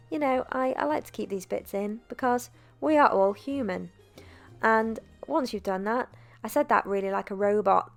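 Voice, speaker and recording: Young woman doing a chatty recipe voiceover, laid back, pokes fun at herself. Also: on the high side. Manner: chatty, self-deprecating, relaxed. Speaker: cooking vlogger. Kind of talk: voice-over recipe narration.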